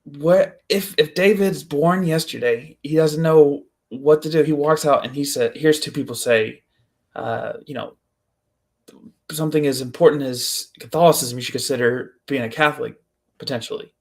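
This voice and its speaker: A man's voice: a little high, normal speed, vocal fry. A man hosting a casual interview, rambling with many fillers and a playful tone. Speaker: host.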